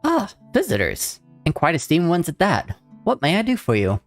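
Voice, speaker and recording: A man's voice: wildly swooping pitch, moderate pace, soft background music. A man voicing a proud older male scholar who speaks in a lofty, old-fashioned way. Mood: welcoming. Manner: lofty, old-fashioned speech, raised pitch.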